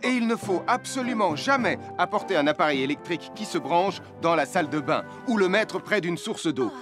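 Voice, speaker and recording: A man's voice: high-pitched, expressive, a little fast. An actor voicing a cheerful adult fireman in a children's cartoon dub, explaining safety rules in a friendly, instructive way. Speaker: safety presenter. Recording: studio voice with music behind.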